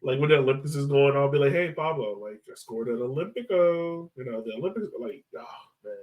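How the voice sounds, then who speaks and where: Hosting a casual soccer podcast, this man jokes around and laughs often, sitting a little distant from the mic. His mid-range voice is expressive, fairly quick, and a little mellow as he trades playful sports banter.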